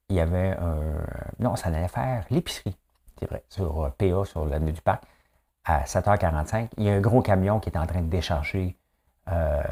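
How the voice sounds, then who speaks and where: A Québécois man talks through the day's news on his own, chatty and loose, tossing in little tag questions and exclamations. His voice sits low, with a dark, mellow warmth. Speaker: morning news commentator. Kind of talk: casual solo commentary.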